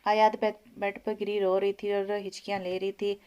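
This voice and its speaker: Woman narrating in an even monotone. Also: medium pitch, moderate pace, smooth, dull audio. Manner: frequent slips and self-corrections. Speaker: audio novel narrator. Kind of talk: audio novel reading.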